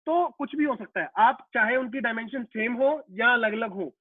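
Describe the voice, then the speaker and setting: Guy teaching physics online, very high voice, tinny phone-like audio, everyday examples, calls the kids beta. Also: moderate pace, no room sound. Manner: asks and answers his own questions, calls students "beta"; explains with everyday kitchen examples. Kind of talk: live online class lecture. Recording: tinny phone-like dry sound.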